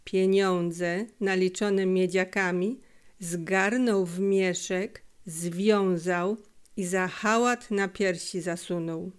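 Woman reading an audiobook, slow and careful, mid pitch. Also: darkish tone. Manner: measured, careful storytelling. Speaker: audiobook reader. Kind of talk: literary audiobook narration.

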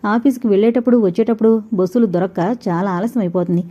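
A woman voicing a young working woman in a storybook reading, speaking calmly and reasonably. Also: mid-range voice, quick pace, natural voice. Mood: pleading.

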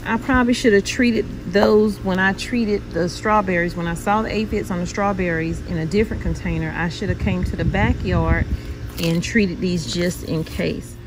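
A woman's voice: lowish voice, fairly even intonation, moderate pace, background noise. A woman casually walking viewers through her backyard garden, chatty and exclamatory, calling them y'all. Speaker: home gardener vlogger.

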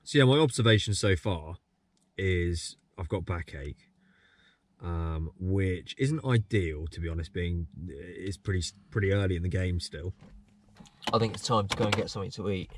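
A man's voice: deep voice, moderate pace. A young man chatting casually to camera from inside his car, rambling with many ums and restarts. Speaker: car vlogger. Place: inside a parked and moving car. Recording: distant mic with clear car noise.

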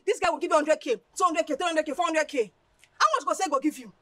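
A woman's voice: high-pitched, quick pace, dry recording, lightly acted. An actress with a Nigerian English accent playing a playful young woman who pleads with her friend for the sake of money, in a film drama. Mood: coaxing. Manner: coaxing, pleading, laughs loudly.

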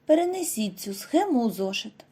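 A woman teacher narrating a lesson for small children, her pitch a little high and moving a lot. Her voice is mellow and slightly husky. She stretches out example words slowly and clearly for the class. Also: very animated. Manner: slow, over-articulated model words for children. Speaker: primary school teacher. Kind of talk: scripted lesson narration for first graders.

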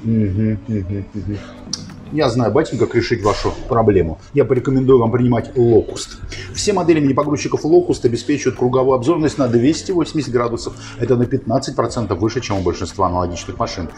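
A man's voice: medium pitch, fast talker, a little mellow, faint music behind, natural voice. An actor playing a folksy, fatherly chief doctor with old-fashioned, patronizing bedside patter in a comic ad sketch. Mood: reassuring, avuncular. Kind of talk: scripted comic advertising sketch.

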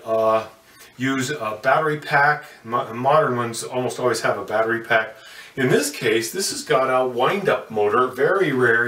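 An older man with a mid-range, fairly bright voice demonstrates telescope mounts hands-on in an indoor room in front of a curtain. His delivery is folksy, full of fillers and self-corrections, and the recording sounds roomy and slightly distant.

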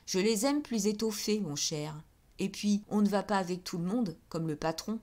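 A woman's voice: mid-range voice, moderate pace, natural voice. A woman voicing an ambitious young male shop clerk who calls out in a sonorous, triumphant voice. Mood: scornful. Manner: sonorous, calling out loudly.

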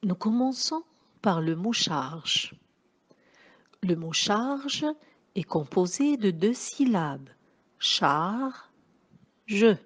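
Slow, lively-pitched woman teacher. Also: breathy edge. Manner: slow, syllable-by-syllable dictation, addressing pupils warmly as children. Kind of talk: slow phonics lesson for young children.

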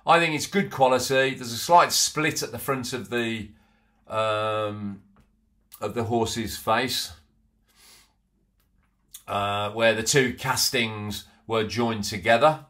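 A middle-aged antiques reseller chats casually through a haul at his desk in a small home office, with frequent ums and restarts. His mid-range voice is steady and sharp-toned, moving slowly with long pauses.

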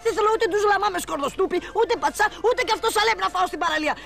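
A man's voice: very high voice, creaky, pushed and bright, faint music behind. A man playing an exasperated husband on the beach who grumbles at a pushy vendor and at his wife, in a comedy sketch.

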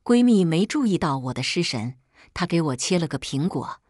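A woman telling a first-person story in a calm, measured scripted narration. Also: deep voice, dry recording, clean studio sound.

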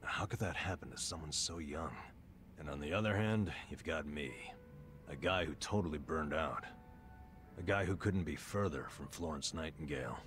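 A very deep-voiced, burned-out loser. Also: male voice, moderate pace, fairly bright tone, soft background music. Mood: bitter, self-loathing. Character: weary, self-loathing burned-out middle-aged man. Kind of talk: English video game drama acting.

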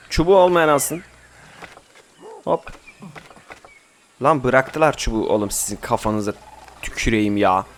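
Chatty young man narrating a game. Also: a little high. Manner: chatty, bossing his in-game troop, quick outbursts. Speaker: gameplay commentator. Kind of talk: casual Let's Play commentary.

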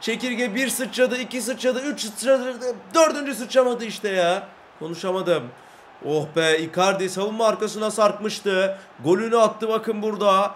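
A young man with a fairly high voice narrates his football video game, chatting calmly one moment and shouting play-by-play the next. There is a faint hiss of noise behind him. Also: unhurried. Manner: swings from calm chat to shouted play-by-play. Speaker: gaming YouTuber. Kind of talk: excited game commentary.

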